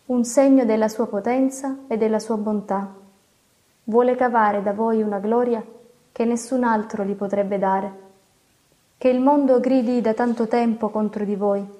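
A woman voicing a gentle, solemn elderly male cardinal in an audiobook, speaking calmly and in measured phrases. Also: fairly high pitch, lightly acted.

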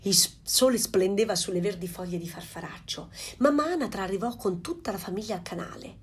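A woman narrating a fairy tale aloud in a calm storytelling manner. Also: medium pitch, a little fast, slightly rough.

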